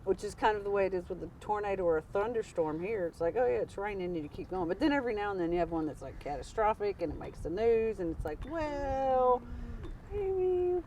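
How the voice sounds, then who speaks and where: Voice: mid-range voice, fast talker, few pauses, a little mellow, a little hiss or hum. Tennessee-accented storyteller, distant mic. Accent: Southern US, Tennessee. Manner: rambling, anecdotal, many "like" fillers. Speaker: interviewee, local. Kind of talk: casual storytelling chat.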